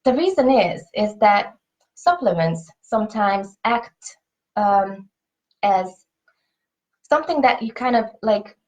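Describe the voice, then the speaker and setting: A woman's voice: mid-range voice, expressive, slow, long pauses, a little mellow, rough recording. A woman with a Hungarian accent, a native Hungarian speaker, explains her family pet supplement business to camera in an earnest, conversational way, often repeating words as she searches for them.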